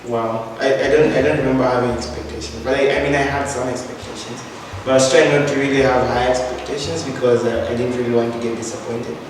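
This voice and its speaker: A young man in his late teens from Zambia, a student speaking thoughtfully and hesitantly, with frequent pauses. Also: medium pitch, fairly even intonation, noisy background. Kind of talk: casual Q&A chat. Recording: echoey hall from far off.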